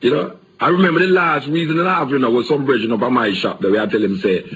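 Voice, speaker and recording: A Jamaican man hosting a radio interview, telling stories in animated patois. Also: medium pitch, fast talker, noisy background. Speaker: radio host.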